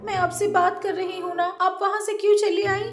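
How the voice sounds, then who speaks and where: A woman voicing a proud, quick-tempered young daughter-in-law who talks in a shrill, indignant, pleading way, with music under her. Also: level tone, reverberant.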